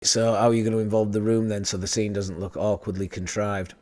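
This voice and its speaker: Low-pitched man, sardonic and profane comedic reviewer, close mic. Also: level tone, brisk, darkish tone, no echo. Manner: sardonic, profane, self-deprecating. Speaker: video reviewer. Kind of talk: sarcastic comedic roast review. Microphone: studio microphone.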